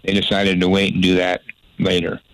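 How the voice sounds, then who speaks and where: Deep-voiced older man telling folksy stories. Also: completely flat delivery, moderate pace, dry recording, low-quality recording. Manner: folksy, rambling anecdotes with frequent restarts. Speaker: former sports radio broadcaster. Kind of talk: storytelling interview.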